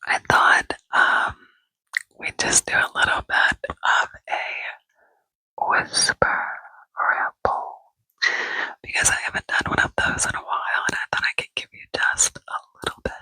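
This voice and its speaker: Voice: a little slow, pushed and bright, no echo, low-quality recording. An ASMR creator in a rambling, chatty whisper with many fillers, speaking close to a microphone held near the mouth, seated indoors. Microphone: close mic held near the mouth.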